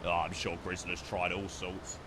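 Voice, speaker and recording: A man's voice: sits low, flat delivery, normal speed, noisy background. A British man chatting casually and matily on a flight simulator livestream, often repeating words as he comments on his flying.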